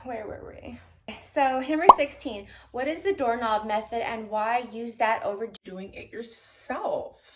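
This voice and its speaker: A woman's voice: fairly high pitch, measured pace, very noisy. A woman vlogging casually at home, answering viewer questions in a chatty, playful way with loose tangents and asides. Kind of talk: casual chat.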